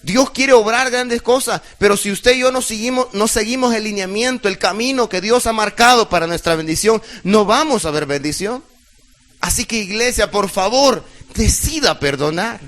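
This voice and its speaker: A man's voice: high-pitched, moderate pace, few pauses, fairly bright tone. A middle-aged man preaching a sermon as pastor, emotional and emphatic, speaking straight to his congregation.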